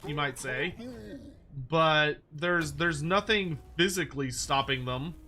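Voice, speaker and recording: A man's voice: on the high side, slow pace, pushed and bright. A man giving casual, playful game commentary with wry asides, as a streamer talking to viewers. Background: music behind the voice.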